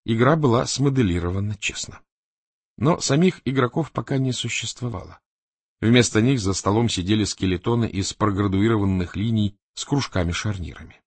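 A man narrating an audiobook in an expressive, animated reading style, close to the mic. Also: fairly low pitch, moderate pace, slightly rough, dry recording.

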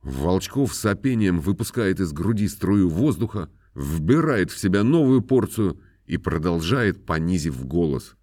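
A man reading a classic short story aloud in an even, unhurried narration. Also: low-pitched, no echo, studio quality. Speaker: reader.

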